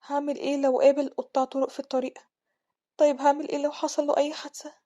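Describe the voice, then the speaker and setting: Woman playing a fretful young noblewoman, Egyptian accent, worried repeated questions, warm low-bright tone. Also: level tone, rapid-fire, muffled recording, close to an everyday voice. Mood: anxious. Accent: Egyptian Arabic. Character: young noblewoman, anxious and prickly.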